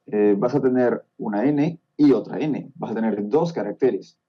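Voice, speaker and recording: A man's voice: mid-range voice, moderate pace, slightly rough, highs cut off. A man with a Peruvian Spanish accent, a guest explaining a topic step by step on a podcast, often checking that his listener follows. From Peru. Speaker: guest expert on Tolkien's languages.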